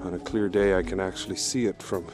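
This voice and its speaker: A man's voice: low voice, quick pace, over music. A man narrating his walk through snowy woods, out of breath as he climbs, in an easygoing, observant way. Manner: relaxed, observant, easygoing guide. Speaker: vlogger on a woodland walk. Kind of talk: casual walking narration.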